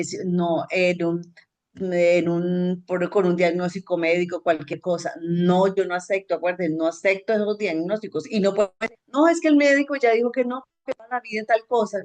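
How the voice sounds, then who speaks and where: Earnest woman, fervent devotional talk. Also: fairly low pitch. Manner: earnest, fervent, speaks in prayer to God. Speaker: co-host of a devotional program. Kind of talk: devotional testimony.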